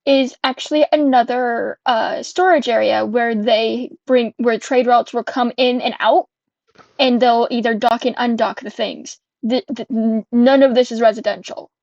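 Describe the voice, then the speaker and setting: A woman's voice: on the high side, steady tone, a little slow, creaky, a little mellow, no room sound, lo-fi sound. A woman running a tabletop game as game master, talking casually and bluntly. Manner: casual, unbothered, profane. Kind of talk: narrating a tabletop game over voice chat.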